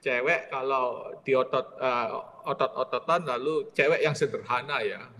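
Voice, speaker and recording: A man in his forties, a priest leading a retreat, telling a personal story in a lively way and tagging his sentences with "ya". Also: mid-range voice, measured pace, long reverb tail, a little hiss or hum.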